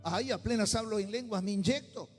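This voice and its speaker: A Peruvian pastor with a Peruvian Spanish accent preaches in a church sanctuary, his sermon building in intensity and breaking into bursts of speaking in tongues. His voice sits high and moves fairly quickly, with a big-room sound and faint music behind him.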